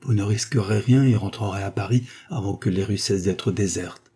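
A man's voice: lowish voice, normal speed, warm tone, slightly rough. A man voicing a doomed aristocratic count, speaking with courtly, earnest declamation. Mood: urgent. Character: doomed aristocratic male count, gracious and composed.

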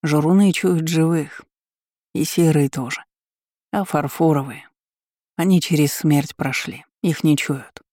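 A woman reading the lines of an earnest young male soldier who is devoted to his queen, in a fervent, hushed way. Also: deep voice, measured pace, no room sound, clean studio sound.

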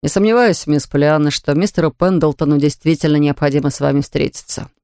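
A woman voicing a courteous middle-aged male doctor in an audiobook reading, speaking in a measured, gently wry way. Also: low-pitched, steady tone, no echo, studio quality, pitched below the performer's own voice. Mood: guarded.

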